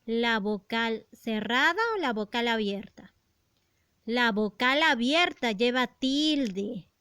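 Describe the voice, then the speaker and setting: A woman gives a grammar lesson for young pupils, speaking slowly and deliberately with a smooth, crisp voice. She poses rhetorical questions as she explains. Her voice is fairly high and sounds close and dry, with no room echo. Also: pushed and bright. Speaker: primary school teacher.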